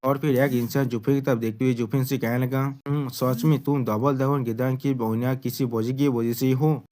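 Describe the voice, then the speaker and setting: A man's voice: mid-range voice, a little fast. A man with a Hindi accent narrating a manga story recap, voicing every character's lines in the same plain voice. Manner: flat, even delivery, quoting all characters in the same voice.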